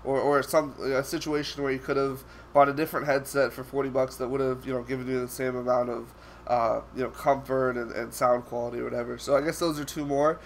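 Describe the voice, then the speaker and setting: Young guy gamer, stuffy nose from a cold, rambly chill commentary, mid pitch, bit of faint hiss behind. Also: little pitch movement, fairly quick, gravelly. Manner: rambling, many fillers and restarts. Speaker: gaming YouTuber. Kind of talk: casual commentary over gameplay.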